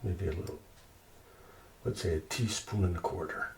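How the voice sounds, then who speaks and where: Hosting an ASMR-style cooking video from his home kitchen, a low-voiced man from Quebec, Canada chats in a slow, casual way. He speaks to himself and throws questions at viewers. Expect a distant mic, obvious noise, and clicks.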